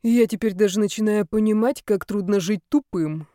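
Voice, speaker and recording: A woman voicing an arrogant, quick-tempered young man who talks in a curt, sneering way. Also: mid-range voice, warm tone, dry recording, clean studio sound, close to an everyday voice.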